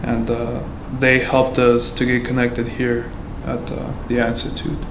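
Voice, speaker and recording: A man from Afghanistan giving a candid account as a patient, halting and full of fillers and restarts. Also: medium pitch, completely flat delivery. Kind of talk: candid personal testimony. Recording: echoey room with background noise.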